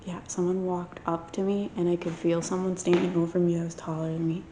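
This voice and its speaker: A woman talking casually and hesitantly in hushed tones on a night investigation vlog, recorded on a handheld camera inside a large old building. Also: on the low side, flat delivery, fairly quick. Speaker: paranormal investigator vlogger. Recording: echoey room with clear noise and clicks.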